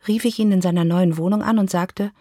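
A woman's voice: mid-range voice, steady tone, brisk, warm tone, dry recording. A woman reading a first-person story aloud in a sardonic, dry-witted manner. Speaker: narrator.

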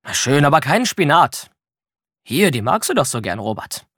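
A man voices a grumpy old ghost grandfather from a children's audiobook, blustering and booming. The voice is husky and dry, with big swings in pitch. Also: sing-song, moderate pace, a bit bright, no echo. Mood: grumbling.

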